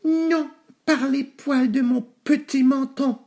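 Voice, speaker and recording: A man voicing frightened little male pigs in a very high, stammering squeal. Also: steady tone, takes it slowly, gravelly, warm tone, exaggerated voice. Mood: anxious.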